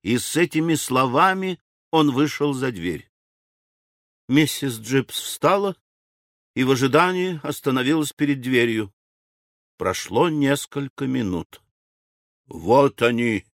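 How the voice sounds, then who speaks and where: A man reading a story aloud as an audiobook narrator in an even storytelling manner. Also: medium pitch, measured pace, dry recording, studio quality. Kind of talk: scripted narration.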